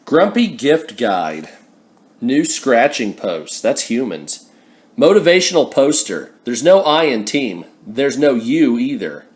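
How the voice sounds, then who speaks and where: Slow, lively-pitched man reading aloud. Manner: slow, deliberate reading with wry asides. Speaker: book reader. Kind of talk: reading a humor book aloud.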